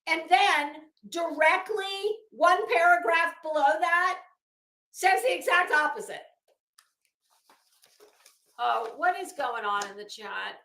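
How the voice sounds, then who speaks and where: Her voice sits very high, animated, pushed and bright, and she takes her time with long pauses. As a livestream host she delivers a theatrical, sarcastic reading with improvised asides, all in an echoey room.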